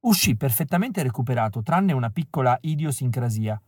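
A man reading a first-person novel aloud as an audiobook, telling it in a wry, expressive way that keeps dropping to a flat, quiet tone. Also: medium pitch, fairly quick, slightly rough, no room sound, clean studio sound. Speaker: audiobook reader. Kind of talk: first-person literary narration.

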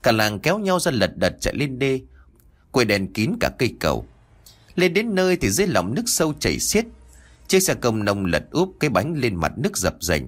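A man narrating a village ghost story as an audiobook, in an expressive, dramatic manner. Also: medium pitch, fairly quick.

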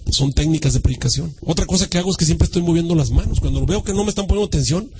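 A male pastor preaching a sermon, dramatic, swinging from shouts to a hushed voice and mimicking churchgoers. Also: fairly high pitch, racing, noisy background.

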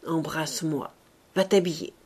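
A woman's voice: low voice, steady tone, normal speed, darkish tone, breathy edge. Doting, remorseful older man in a storybook, as a female reader puts him on. Urgent and pleading, raised voice. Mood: insistent. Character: aging man, doting and self-reproaching.

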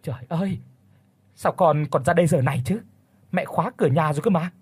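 A man's voice: fairly high pitch, brisk, slightly rough, no room sound, voice pushed up. A man voicing a terrified village wife who stammers and pleads with a ghost. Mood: scolding relief.

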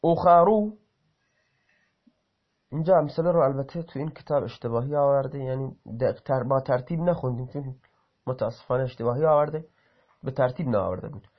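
A man's voice: mid-range voice, pauses often. A man teaching an Arabic grammar lesson, reading example sentences aloud and then explaining them, sometimes breaking off to correct himself. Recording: dull lo-fi recording.

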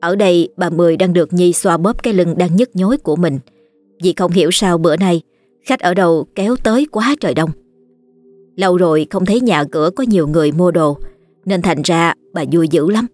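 A woman with a Southern Vietnamese accent narrating a ghost story in a steady, plain way. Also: lowish voice, no room sound.

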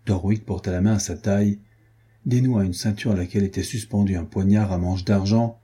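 A man reads a novel aloud as an audiobook narrator. His voice is a little low, very dark and husky, and his reading stays steady. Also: fairly quick.

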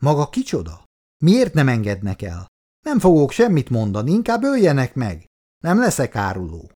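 A man's voice: mid-range voice, sing-song, darkish tone, lightly acted. A man reading the part of a young army lieutenant held prisoner, frightened but defiant, with a tense raised voice. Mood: defiant scared.

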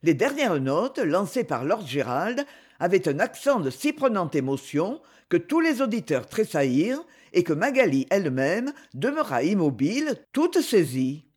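A woman reads a classic romantic novel aloud in a measured way. Her narration has animated, lively pitch movement that keeps the prose expressive. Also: husky. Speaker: audiobook narrator.

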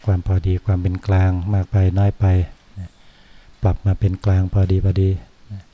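An older male Buddhist monk from Thailand giving an informal Dhamma talk in an unhurried, reflective way, often closing phrases with a soft tag word. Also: sits low, monotone, phone-quality sound.

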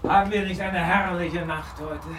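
An actor playing Sherlock Holmes as a confident, wry detective with a suave, teasing, theatrical manner in a German radio drama. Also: male voice, high voice, steady tone, moderate pace, noisy background, lightly acted. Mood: breezy, persuasive.

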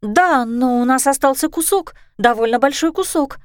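A woman reading a storybook, voicing an earnest, careful young heroine in a steady voice. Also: a little high, slow pace, no room sound, studio quality.

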